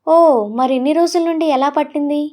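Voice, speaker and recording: Brief: woman reading a young husband in an audio story, brusque, caring, pushy questions, high voice. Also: fairly even intonation, a little fast, warm tone, close to an everyday voice. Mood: stern. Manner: pressing, demanding questions.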